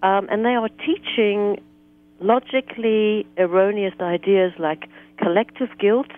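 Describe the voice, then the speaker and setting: A woman from South Africa, a guest author speaking in an articulate, measured way during a political talk radio interview. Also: medium pitch, fairly even intonation, no echo. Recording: tinny phone line.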